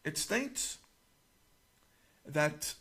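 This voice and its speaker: A man with a somewhat high-pitched voice delivers an explanatory talk straight to camera. His manner is deliberate and emphatic as he works through his sources page by page, stressing key points. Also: very animated, fairly bright tone, breathy edge. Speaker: religious cleric.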